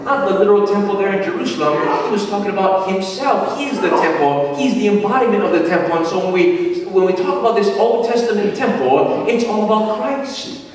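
A high-voiced man preaching in a large, echoing hall, heard from a distance with a faint hiss underneath. He asks the congregation questions and leans hard on the key words. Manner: call-and-response questions to the congregation; emphatic, slows down on key words. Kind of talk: sermon.

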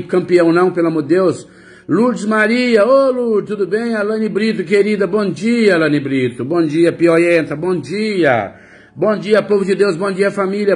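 A Brazilian man hosting a casual live stream as a psychic, greeting viewers by name and teasing them in a chatty way. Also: high-pitched. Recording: faint music behind.

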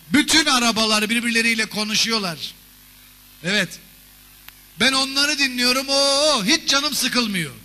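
A man performing a stand-up comedy monologue on a theater stage, telling stories animatedly. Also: sits high. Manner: animated storytelling with shouted character voices. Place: theater stage before a live audience. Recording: long reverb of a stage hall.

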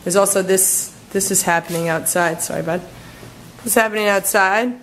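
A woman's voice: mid-range voice, fairly even intonation, normal speed, a bit bright, slight background noise, low-quality recording. A woman in her forties, filming herself at arm's length with a phone in an outdoor garden, talking in a chatty, rambling way with lots of "like". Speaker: travel vlogger. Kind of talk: casual vlog walkthrough. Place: outdoor garden courtyard of a house. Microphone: phone camera at arm's length.

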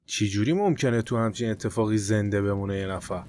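A man casually commenting on a video game as he plays, chatty and quick to cry out in alarm. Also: on the low side, a little hiss or hum. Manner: chatty, loud exclamations of alarm. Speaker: gaming YouTuber. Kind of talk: casual let's-play commentary.

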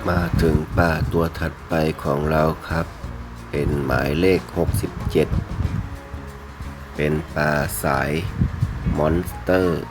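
A man presenting items for sale in a video, speaking politely in short, halting phrases over music. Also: a bass voice. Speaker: fish seller presenting betta fish for sale. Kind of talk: unhurried sales video narration. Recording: music playing behind the voice.

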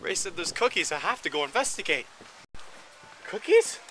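Talking fast in a pushed, bright voice on the high side, a young adult house painter vlogs outdoors around a wooden deck and yard with his camera held at arm's length. He's animated, casual, rambling and jokey, and the poor audio has a little hiss or hum.

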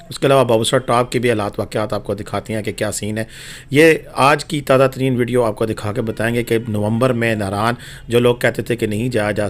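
A man narrating a travel and weather update as a voice-over, chatty and informal, with frequent fillers. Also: mid-range voice.

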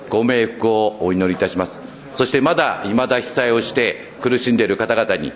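A man from northern Japan, a legislator, putting questions in a formal parliamentary committee in a ceremonious way with frequent hesitation fillers, speaking into a desk microphone. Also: on the low side. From Akita, Japan.

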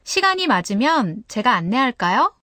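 A woman voicing a helpful young woman offering to show a visitor around, in a scripted textbook dialogue with clear, careful delivery. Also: a little high, very animated, very fast, bright, forceful tone, no echo, studio quality. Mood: friendly. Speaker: dialogue model speaker.

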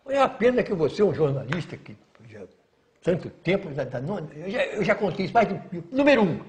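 An older man, a retired general, telling an anecdote in an interview with emphatic, animated delivery, often stammering and repeating words as he acts out the dialogue. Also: high-pitched.

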